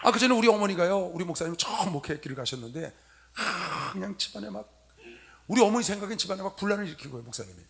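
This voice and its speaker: A middle-aged man preaching a sermon to young people in a convention hall, telling stories with loud stresses and soft asides. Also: high voice, very fast, creaky. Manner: animated storytelling, swinging from loud emphasis to soft asides. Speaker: pastor.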